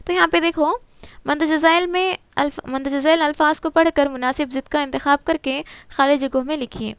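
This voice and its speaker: This is a woman teaching a grammar lesson from a textbook, her voice pitched high and recorded close with no room sound. She asks each question and then answers it herself, patiently, and mixes English words into her Urdu. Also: fairly even intonation, dry recording. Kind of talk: explaining a textbook to students.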